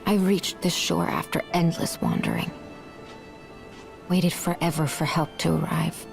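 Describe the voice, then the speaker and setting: Low gravelly dark bitter swordswoman, flat accusing monotone, video game cutscene. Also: a little slow, full character voice. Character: bitter young woman warrior consumed by darkness. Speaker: game character. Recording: game cutscene with loud music. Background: loud music.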